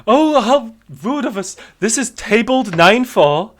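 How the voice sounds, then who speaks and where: A man voicing a fussy, polite male paperwork official in a raised, hushed voice. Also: very high-pitched, animated, slow, pitched above the performer's own voice, heavily acted. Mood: courteous.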